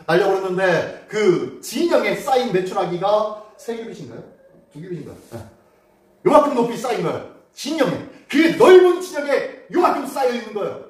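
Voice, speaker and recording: A male pastor preaching a Sunday sermon, telling the story in a lively way and asking the congregation questions. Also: high-pitched, a little fast, far from the mic. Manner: animated storytelling, acts out quotes and asks the congregation questions. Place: church sanctuary. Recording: very echoey hall, voice from afar.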